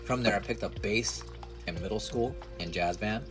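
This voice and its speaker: An American musician and content creator in his forties talks casually to camera in a nasal, deep voice at normal speed, with music underneath. He is chatty, rambling and self-deprecating.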